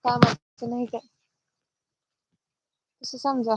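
A chatty woman, streaming live from a farm as she herds goats. Her voice sits fairly high, and she greets viewers one by one and answers their comments. The phone audio picks up loud outdoor noise behind her. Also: level tone, takes it slowly. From Dharashiv district, Maharashtra. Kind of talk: casual live-stream chat.

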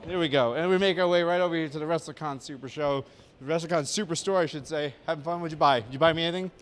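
A man's voice: fairly high pitch, very fast. A man in his thirties hosting a casual walking tour of a convention hall, joking and self-deprecating, talking into a handheld mic. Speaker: host. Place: large convention hall indoors.

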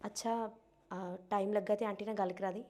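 A woman's voice: mid-range voice, steady tone, fairly quick, darkish tone, lightly acted. A young woman acting as a polite, educated and patient helper in a family drama. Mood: soft. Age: young adult. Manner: polite, soothing, respectful.

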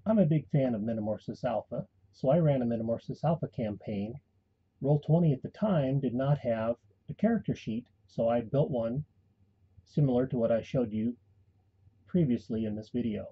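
A man calmly giving a step-by-step voice-over tutorial for a tabletop game tool. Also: mid-range voice, normal speed, breathy edge, narrow, tinny audio. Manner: calm step-by-step instruction. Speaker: tutorial host and game master. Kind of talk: screen-recorded software tutorial.

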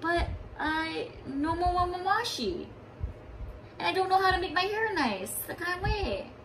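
A woman voicing a small, eager, hardworking boy who speaks Hawaiian Pidgin in a high, soft, pleading voice. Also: big pitch swings, measured pace, distant mic, a little hiss or hum, heavily acted, low-quality recording. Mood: worried.

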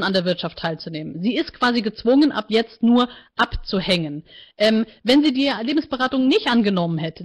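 A woman author who reads from her novel and then answers questions, explaining thoughtfully with some fillers. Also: on the high side. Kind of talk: book reading and author Q&A.

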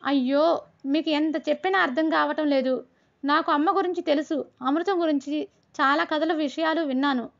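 A high, earnest storybook schoolboy, as a woman puts him on, pleading and insisting without letting up. The recording is dull and lo-fi. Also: moderate pace, vocal fry. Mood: distressed. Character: pleading schoolboy arguing with gods.

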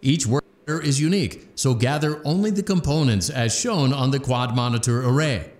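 A man voicing the calm, deadpan instructional announcer of an automated factory in a game. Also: mid-range voice, moderate pace, roomy sound, lightly acted. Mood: instructive. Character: corporate training voice of an automated factory.

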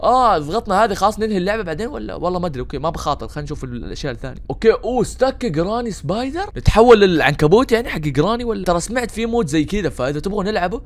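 Young male gaming host; very fast, slightly high, jokey and excitable. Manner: joking, teasing, excitable. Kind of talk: let's-play commentary.

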